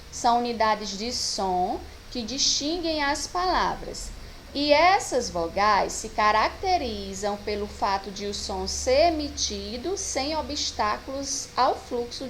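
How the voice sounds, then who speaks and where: A woman teacher with a Brazilian Portuguese accent, giving a recorded grammar lesson with slow, patient explaining and stretched-out example words. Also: a little high, slight background noise, poor audio.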